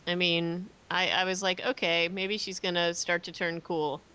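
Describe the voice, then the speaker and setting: Female podcast co-host, slightly low bright voice, easy agreeable chat. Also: little pitch movement, moderate pace, clear, resonant tone. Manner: agreeable, brief backchannels and easy recaps. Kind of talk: casual chat.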